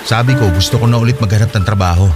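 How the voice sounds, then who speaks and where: A man's voice: lowish voice, very fast, over loud music, close to an everyday voice. A man playing a defensive, pleading young partner. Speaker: stay-at-home partner in a radio drama. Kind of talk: radio drama acting.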